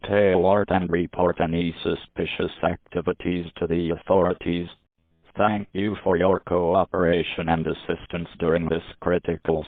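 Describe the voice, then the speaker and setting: A man with a very low voice reads a scripted emergency alert as an announcer, formal and measured from start to finish. The recording is dry and close, with a dull, muffled, band-limited lo-fi quality.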